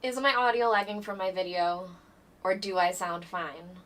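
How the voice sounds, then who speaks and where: A woman chatting excitedly on a board game live stream, bubbly and rambling, a little out of breath. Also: mid-range voice, moderate pace, recorded from a distance. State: a bit out of breath. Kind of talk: casual live-stream chat.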